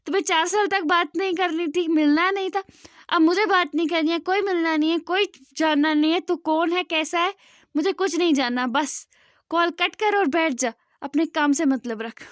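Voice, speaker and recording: A woman voicing an angry young man who scolds and yells at an old friend, in a storybook retelling. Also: extremely high pitch, normal speed, dry recording, clean studio sound. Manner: scolding, yelling.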